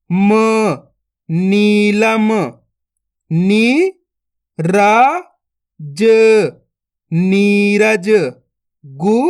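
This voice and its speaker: A man leads an online reading lesson at a very unhurried pace. He says each syllable on its own before blending them into a long, drawn-out word. He keeps checking in with his viewers, calling them friends and nudging them to follow along. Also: high-pitched. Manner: sounds out syllables one by one, then stretches the joined word; addresses viewers as friends, coaxing and repetitive. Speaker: Hindi reading teacher.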